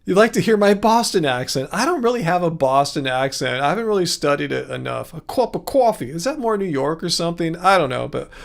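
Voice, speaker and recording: On his livestream, a man talks in a fairly high, expressive voice that's a bit raised with a gravelly edge, moving a little fast with hardly any pauses. He rambles through viewer comments, restarting sentences often and chuckling, recorded close on a studio mic at home.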